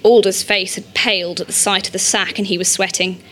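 A woman reading an audiobook, narrating in a measured, steady storytelling manner. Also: medium pitch.

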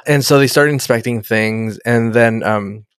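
Man, casual podcast chat, rambling, swears a lot, says dude, mid pitch, dry close sound. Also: a little slow, clean tone, no echo. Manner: profane, rambling, peppers talk with "dude". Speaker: podcast co-host. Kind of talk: casual chat recapping a TV episode.

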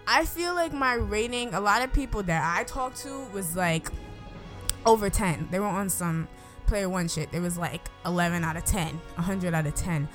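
A woman giving a casual, unscripted review, her words slightly slurred by braces and rubber bands as she tells it in an animated, emphatic way. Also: mid-range voice, moderate pace, soft background music. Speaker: movie reviewer.

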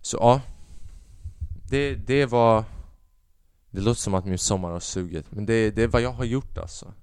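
A man with a fairly low, smooth voice tells a story on his podcast in a loose, casual monologue. He is animated, swears freely and acts out the people in the story. The sound is dry and close, with no room around it. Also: dry recording. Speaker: podcast host; stand-up comedian.

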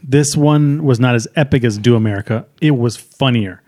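A man's voice: medium pitch, normal speed, a little mellow. A man co-hosting a movie review podcast, casually retelling scenes in a rambling way with lots of fillers. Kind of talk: casual chat.

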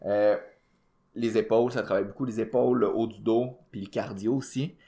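A man's voice: on the low side, steady tone, brisk, creaky, warm tone. A man with a Québécois accent co-hosting a fitness podcast, explaining training casually with many fillers and English gym terms. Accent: Québécois French. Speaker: podcast co-host, powerlifting coach.

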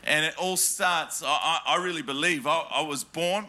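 An Australian pastor preaches a sermon full of personal stories in a church hall, speaking emphatically, joking with the congregation and often posing questions to them. His voice is on the high side and sharp, at a moderate pace.

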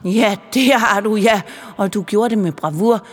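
A woman voicing a sly male Christmas elf who teaches mischief, gleeful and cackling, drawn out and slow. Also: mid-range voice, natural voice. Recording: long reverb with music behind.

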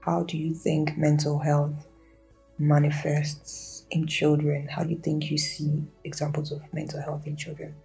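A woman hosting a podcast with a husky, gravelly voice. She introduces the show and puts questions in a measured, plain way. Faint music sits underneath. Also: sits low, completely flat delivery, mellow, low-quality recording. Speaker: podcast host. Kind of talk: podcast interviewing.

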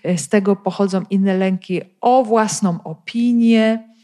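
A woman's voice: mid-range voice, unhurried, warm tone. A woman giving a spoken Bible commentary, explaining the text and asking many rhetorical questions while addressing her listeners directly. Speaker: Bible teacher.

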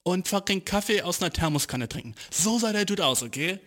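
A man's voice: high voice, expressive, a little fast, a bit bright. Young man ranting, profane and slangy. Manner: profane, slangy, mocking, breaks into laughter. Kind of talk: casual ranting anecdote.

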